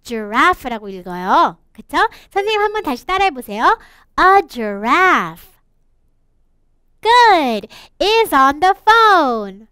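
Woman, children's English teacher, slow bouncy delivery, dry close mic. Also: extremely high pitch, very animated, pushed and bright, no echo. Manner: slow, encouraging, sing-song reading with laughs. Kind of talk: children's picture book English lesson.

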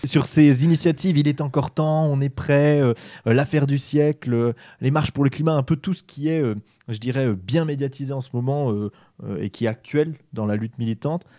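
A man's voice: mid-range voice, fairly quick, warm tone, dry recording, clean studio sound. A young man co-hosting a casual discussion, asking questions into a handheld mic with hesitant fillers. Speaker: co-host.

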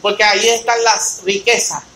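High, bright-voiced man teaching scripture. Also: fairly even intonation, moderate pace, slight background noise, poor audio. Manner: reads scripture aloud, then explains it with rhetorical questions; addresses listeners by name in a conversational way. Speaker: Bible study teacher. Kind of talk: teaching a Bible study.

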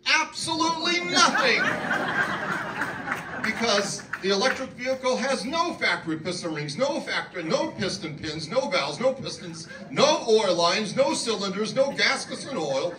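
An older man hamming up a 1960s TV garage pitchman. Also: lively intonation. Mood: salesy. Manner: hammy, drawn-out emphatic sales pitch. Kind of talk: 1960s TV commercial announcing. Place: auditorium stage. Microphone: handheld mic. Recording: echoey hall, from far off, noisy.

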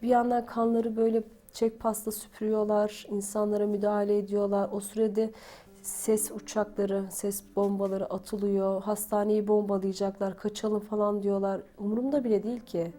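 A woman with a warm, darker tone recounts past events for a documentary, replaying each exchange with "I said" and "he said." Her pitch is mid-range for a woman, with faint music beneath her voice. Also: little pitch movement, normal speed. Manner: retells events by quoting dialogue with "dedim" and "dedi". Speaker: family member interviewed for a documentary. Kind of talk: emotional first-person recollection.

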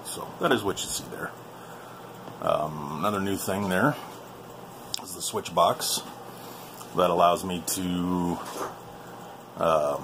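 In a casual shop tour, a man who hosts videos and dabbles in radio shows viewers around his workshop in a folksy, informal way. His voice sits low, and background noise comes through on the handheld camera in the small room.

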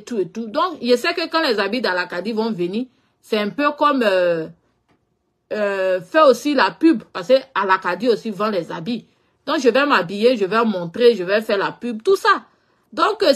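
A social media personality with a West African French accent tells a personal story in a casual monologue. Her voice is on the high side and fairly bright, and she speaks frankly but loosely, repeating herself and often trailing off into filler phrases.

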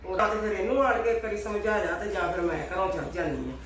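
A woman's voice: medium pitch, fast, noisy background, close to an everyday voice. A woman playing a quarrelsome, grumbling mother-in-law in a family skit, recorded far from the mic in an echoey space. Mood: complaining. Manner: scolding, complaining. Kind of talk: amateur family sketch acting. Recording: echoey, distant phone mic.

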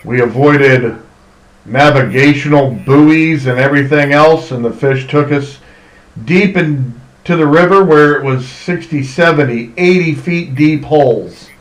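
A middle-aged man, a fishing charter captain, telling what happens on his trips in a relaxed voice-over. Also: a little high, reverberant, low-quality recording. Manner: slow, easygoing storytelling. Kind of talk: voice-over narration.

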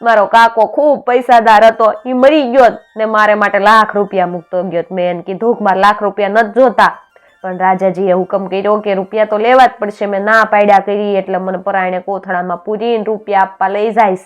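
A woman's voice: medium pitch, fairly even intonation, brisk, dull audio, faint music behind, natural voice. A woman voicing a sly young male trickster in a storybook tale, teasing and putting on fake wailing.

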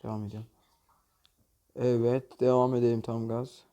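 A man's voice: mid-range voice, level tone, normal speed, dark tone, highs cut off. A man hosting a gaming channel, commenting on opening loot boxes in a mobile game, exasperated and jokey, often cursing at the game.

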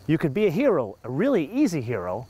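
A man in his forties hosts a car review, speaking with emphatic energy on a lapel mic while driving and outdoors. His voice is a little high, husky and fast, and his delivery is lively, as if he's talking with his hands. Road and outdoor noise sit behind him.

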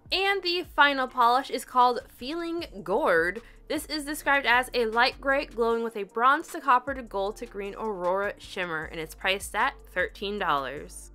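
Young woman, polish reviewer; chatty, upbeat voice-over, fairly high voice. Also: bright, forceful tone. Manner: giggles at her own slips. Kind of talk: scripted product review voice-over.

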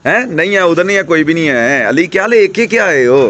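A young man hosting a casual pet vlog at home, chatting excitedly and coaxing his animals. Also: on the high side, a little fast, muffled recording, slight background noise. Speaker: pet vlogger.

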